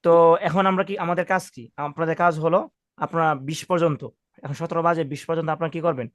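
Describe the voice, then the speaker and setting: A man's voice: fairly high pitch, steady tone, brisk, dry recording, studio quality. A man teaching Arabic words to a class, patiently correcting pronunciation and leading call-and-response drills.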